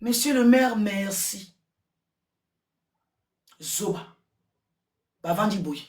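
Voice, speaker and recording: A woman giving casual gossip commentary, repeating words and switching languages in an excitable way. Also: mid-range voice. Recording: roomy echo, distant from mic.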